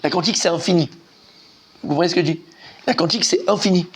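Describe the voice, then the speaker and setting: Animated rabbi teaching. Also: male voice, high-pitched, quick pace, husky. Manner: lively, animated, asks students questions, repeats himself. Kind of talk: informal Talmud class.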